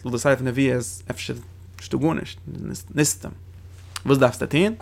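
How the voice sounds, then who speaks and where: A man teaching a lesson on religious texts, explaining quickly and often posing rhetorical questions to his listeners. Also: mid-range voice, steady tone, creaky, darkish tone. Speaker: Torah teacher.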